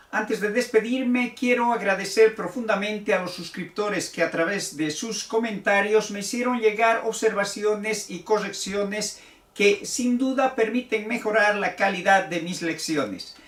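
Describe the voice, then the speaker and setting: A male teacher walks through a grammar lesson at an unhurried pace, pronouncing each example word with care. His voice carries a roomy echo, picked up from some distance by the mic. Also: high voice, a bit bright. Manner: deliberate, carefully enunciates example words. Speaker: Spanish teacher. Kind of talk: slow explanatory grammar lesson.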